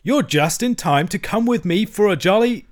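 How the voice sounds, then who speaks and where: A man doing a shrill blustering toad. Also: lively intonation, normal speed. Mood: hearty. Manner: blustering, high and shouty. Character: loud brash excitable male toad, boastful.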